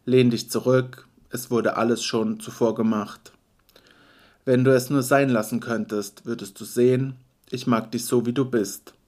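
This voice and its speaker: A young man with a mid-range voice co-hosts a casual podcast. He reads lyrics and makes dry, deadpan jokes at his own expense. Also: medium pitch, unhurried. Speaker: podcast co-host. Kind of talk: casual podcast game banter.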